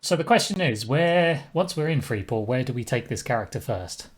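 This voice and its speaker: A man's voice: medium pitch, lively intonation, normal speed. A man casually commentating on his live game stream, rambling with wry, chuckling asides.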